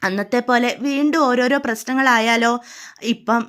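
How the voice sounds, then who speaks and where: A woman's voice: a little high, steady tone, normal speed, clear, resonant tone, natural voice. A woman voicing a soothing young sister-in-law. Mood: reassuring. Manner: soothing, gently reasoning. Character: caring young sister-in-law, calm and reassuring.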